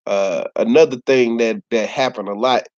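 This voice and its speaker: A man's voice: medium pitch, normal speed, darkish tone. Chicago guy chatting laid back on his channel, lots of "you know what im saying", kinda muffled sound. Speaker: YouTuber. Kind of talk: casual talk to camera. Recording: slightly dull lo-fi recording.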